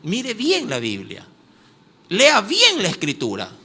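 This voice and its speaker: Emphatic Ecuadorian male pastor preaching, high bright voice, very lively delivery. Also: slow pace, slight background noise. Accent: Ecuadorian Spanish. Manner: emphatic, repetitive, addresses listeners as "my beloved". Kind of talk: sermon.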